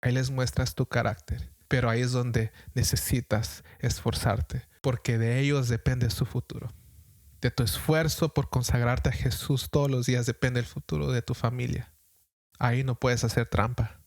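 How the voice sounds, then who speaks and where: A man's voice: mid-range voice, little pitch movement, moderate pace, no room sound. A middle-aged man, a pastor, preaching an earnest, exhorting podcast sermon with many repeated phrases.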